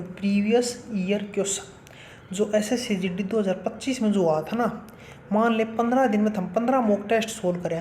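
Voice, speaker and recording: A man whose voice sits high with a darkish tone, with a little hiss or hum in the audio. A coaching YouTuber, he gives blunt, colloquial exam-strategy advice and keeps saying "bhai sahab".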